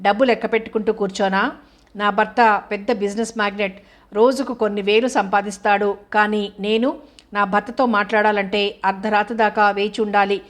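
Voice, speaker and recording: A woman's voice: mid-range voice, little pitch movement, fairly quick, lightly acted. A woman voicing an angry, hurt young wife who accuses her husband with bitter sarcasm. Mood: bitter, reproachful.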